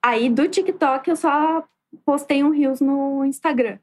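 A woman with a soft, near-whispering voice, chatting casually as a guest. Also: high voice, slow, a little hiss or hum. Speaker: guest, architect. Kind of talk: casual chat.

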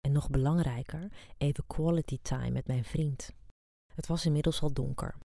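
A woman reading a scripted erotic story aloud in a calm, intimate way. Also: sits low, normal speed, gravelly, dry recording.

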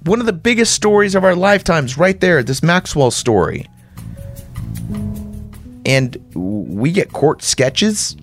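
A man delivering an impassioned, sarcastic monologue to listeners like a conspiratorial late-night rant, with rhetorical questions, repetition and dramatic pauses. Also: fairly high pitch, very animated, soft background music. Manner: dramatic pauses and repeated phrases. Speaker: commentator host.

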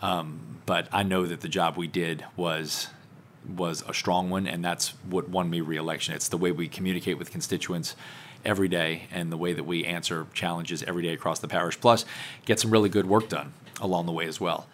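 A man's voice: deep voice, fairly even intonation, brisk, fairly bright tone, a little hiss or hum. A man, a parish councilman answering interview questions in a confident, plainspoken way. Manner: confident, plainspoken, laughs easily.

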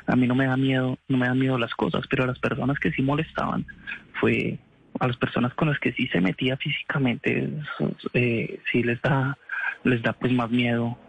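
A man's voice: mid-range voice, gravelly, fairly bright tone, husky, poor audio. A man casually telling a story in an interview, rambling with restarts and slangy asides.

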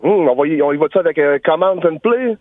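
A man's voice: fairly high pitch, animated, quick pace, over music. A man with a Québécois accent calling into a radio show and giving short, casual answers. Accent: Québécois French. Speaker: radio caller. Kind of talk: phone-in game answers. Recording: tinny phone line with noise.

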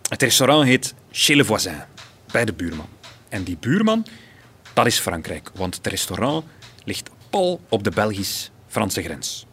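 A man's voice: lowish voice, big pitch swings, unhurried, fairly bright tone, slight background noise. A man with a Flemish accent reading scripted true-crime documentary narration as the host. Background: music.

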